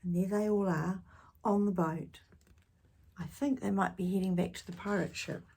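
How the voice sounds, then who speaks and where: This storytime host reads a picture book to young children with lively expression, slipping in hushed, gasping asides full of wonder. She speaks at a moderate pace in a lowish, slightly rough voice with vocal fry.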